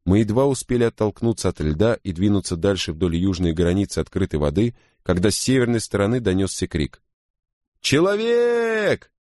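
A man reading a first-person story as an audiobook narrator, in a steady, grave way. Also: sits low, fairly quick, few pauses, no room sound, clean studio sound.

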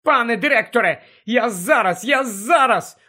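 A man's voice: sits high, expressive, measured pace, voice pushed up, full character voice. A man voicing a panicked teenage boy wizard, pleading and crying out in desperation. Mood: desperate pleading. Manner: pleading, frantic shouting. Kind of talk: audiobook character voice.

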